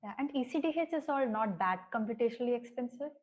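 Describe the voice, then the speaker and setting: A woman's voice: fairly high pitch, expressive, quick pace, poor audio. Woman explaining code on a call. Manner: explanatory, frequent "like" and "uh" fillers. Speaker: presenter explaining test code. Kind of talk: technical discussion on a call. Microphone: video call.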